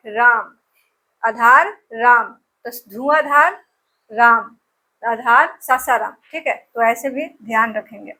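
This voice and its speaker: A woman's voice: high-pitched, pushed and bright. A woman teacher giving an exam-prep lesson, drilling place names with memory tricks and repeating each answer over and over.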